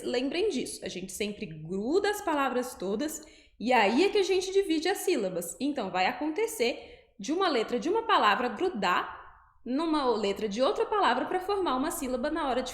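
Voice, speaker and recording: A Brazilian Portuguese-speaking woman teaching French pronunciation, slowing down to spell out syllables. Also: a little high, reverberant. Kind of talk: pronunciation lesson.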